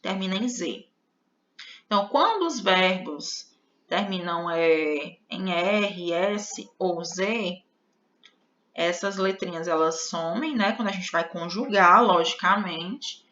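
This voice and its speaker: A woman's voice: lowish voice, takes it slowly, pushed and bright. A Brazilian woman with a Brazilian Portuguese accent teaching an online grammar lesson, explaining patiently and checking in with her viewers often. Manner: explanatory, addresses viewers as "gente", frequent "né?" and "ó". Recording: slightly dull lo-fi audio.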